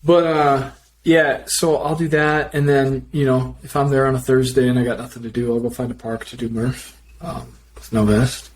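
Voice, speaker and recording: A man's voice: mid-range voice, flat delivery, moderate pace, few pauses, slight background noise, low-quality recording. Joking man with a Minnesota accent. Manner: joking, self-deprecating. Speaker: podcast co-host. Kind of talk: casual chat.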